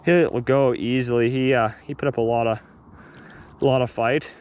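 A young man filming himself fishing on a river shore, chatting excitedly on an action camera with lots of fillers and restarts. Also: medium pitch, normal speed. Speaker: fishing vlogger. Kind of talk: casual on-the-spot fishing commentary. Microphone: action camera on body.

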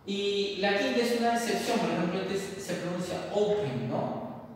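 A man's voice: high voice, moderate pace. A man teaching a lesson, explaining rules step by step, repeating himself and checking that listeners follow. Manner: repeats points and checks understanding. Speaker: English teacher. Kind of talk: classroom explanation. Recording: echoey room, voice from far off, faint hiss.

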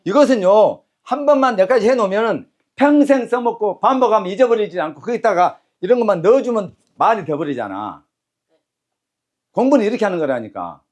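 This English teacher lectures a class briskly and firmly, calling cues and getting phrases repeated back to him. He sits high with a darkish tone.

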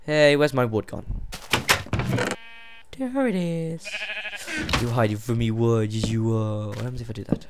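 A young man commentating his own gameplay, talking to himself and the game in an excitable, silly way. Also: medium pitch. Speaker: Let's Play gamer. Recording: noisy home mic recording.

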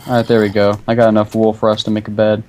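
A man playing a game alongside a friend and chatting casually, laid-back and quick to laugh and joke. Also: lowish voice, a little hiss or hum. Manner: relaxed, laughs easily, plays with words. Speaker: co-player. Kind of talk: casual gameplay chat.

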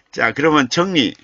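A man hosts a live stream and reads viewer comments aloud in an unhurried, chatty way, often chuckling and repeating names. His pitch rises and falls in a lively way. The sound is dry and slightly dull, like lo-fi stream audio. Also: dry recording. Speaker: literature professor hosting a live stream.

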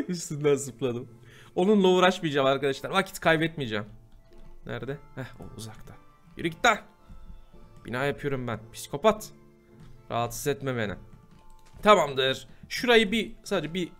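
A man giving casual gameplay commentary, chatty and prone to loud, exasperated outbursts. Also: a little high. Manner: chatty, bursts into loud exasperated shouting at mobs. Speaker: gameplay host. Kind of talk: casual Minecraft let's play commentary.

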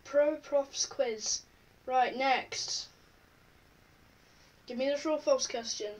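High-voiced woman chatting through a quiz. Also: slow, far from the mic, rough recording. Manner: chatty, reads questions aloud and answers them offhand. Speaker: vlogger. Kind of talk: casual chat while taking an online quiz.

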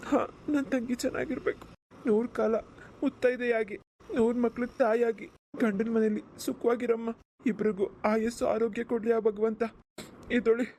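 A loving elder brother from a cartoon, as a woman acts him out, heartfelt and close to tears. His voice sits a little high. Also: steady tone, moderate pace, warm tone, a little hiss or hum, close to an everyday voice. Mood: tearful. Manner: tearful, fond, heartfelt. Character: tender elder brother of the bride, emotional. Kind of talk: cartoon voice acting.

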